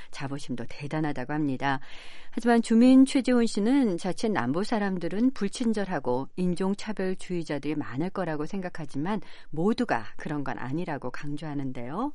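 A woman radio reporter giving a scripted, measured report. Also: low-pitched, mellow, no echo, clean studio sound. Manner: measured, informative delivery.

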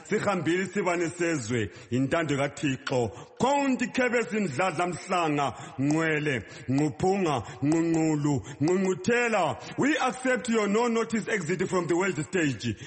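A man's voice: fairly high pitch, animated, a little slow, hardly any pauses. A man reciting a praise poem in a rhythmic, declamatory chant. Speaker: praise poet.

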